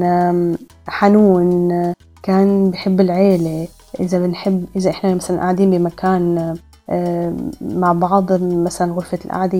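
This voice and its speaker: Low, quick-talking woman with soft music. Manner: reflective, hesitant, with fillers. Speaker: storyteller guest. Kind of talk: personal story, casual.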